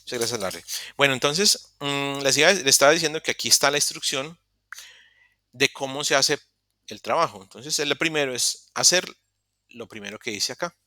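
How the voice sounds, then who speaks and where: A man teaching an English lesson online, explaining step by step with pauses and self-corrections. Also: mid-range voice, pushed and bright, no room sound. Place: online meeting room.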